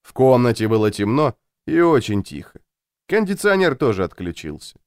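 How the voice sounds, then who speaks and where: A man reading an audiobook with expressive storytelling narration. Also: medium pitch, normal speed, no room sound, studio quality. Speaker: audiobook reader. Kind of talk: scripted narration.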